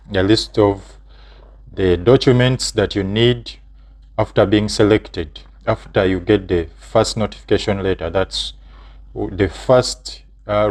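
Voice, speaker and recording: A man from Uganda speaks with a Ugandan English accent and a very deep voice. He explains things plainly in a casual chat, with "uh" fillers and quick "yeah"s. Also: darkish tone. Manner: explains steps plainly, with fillers and short affirmations. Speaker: channel co-host.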